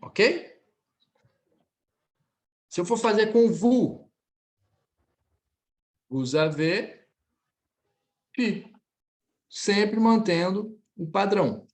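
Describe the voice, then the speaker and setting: A man with a Brazilian accent teaching French, stretching out each model phrase slowly before explaining it quickly. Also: sits high. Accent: Brazilian Portuguese. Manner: slow, drawn-out model pronunciation between quick explanations. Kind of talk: online language lesson.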